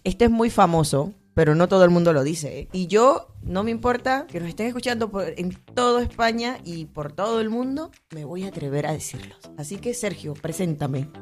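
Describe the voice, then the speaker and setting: A woman's voice: on the low side, expressive, moderate pace, few pauses, soft background music. A woman hosting a children's radio program, playful and laughing as she stumbles through tongue twisters. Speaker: radio host.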